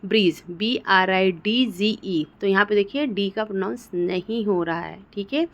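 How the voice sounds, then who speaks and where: An Indian woman teacher patiently explains English spelling rules at a medium pitch and measured pace. She keeps asking "theek hai" to check that her students follow.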